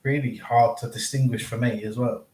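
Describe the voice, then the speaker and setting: A man's voice: mid-range voice, steady tone, normal speed, darkish tone, echoey room. A man, a guest on a live stream, chatting in an easygoing way and laughing often. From England. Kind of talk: casual live-stream chat.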